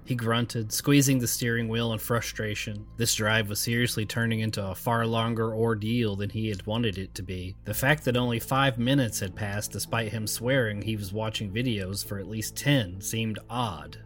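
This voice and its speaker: Calm male horror story narrator. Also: lowish voice, moderate pace, hardly any pauses, soft background music. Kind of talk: scripted narration.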